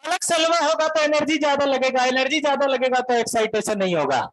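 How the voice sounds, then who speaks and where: A man's voice: very high-pitched, fast talker, pitched above the performer's own voice, rough recording. A man voicing an agitated young male Bihari student who rants indignantly, with a Bihari accent. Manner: loud, indignant, ranting.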